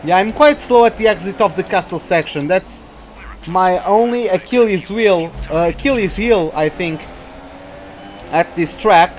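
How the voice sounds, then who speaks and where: An unhurried young man with a high voice streams a racing game from Portugal, chatting away, reading viewer names, and reacting to the race. The recording carries a slight hiss or hum.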